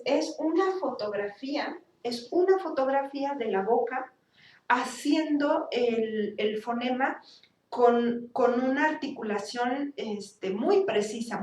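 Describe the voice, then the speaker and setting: A woman's voice: on the high side, expressive, takes it slowly, a little mellow. A woman teaching a speech therapy class, explaining step by step and acting out sounds with exaggerated articulation. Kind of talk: university class lecture. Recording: echoey room, from a distance.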